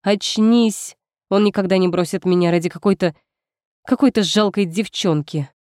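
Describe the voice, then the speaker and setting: A woman's voice: mid-range voice, normal speed, darkish tone, dry recording, clean studio sound, lightly acted. A woman voicing a spiteful, mocking young female rival in a spoken story. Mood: scornful. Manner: mocking, taunting.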